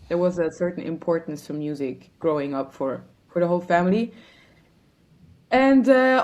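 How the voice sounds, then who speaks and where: A woman's voice: lowish voice, darkish tone. A woman from Germany, a musician guest answering interview questions reflectively and searching for words.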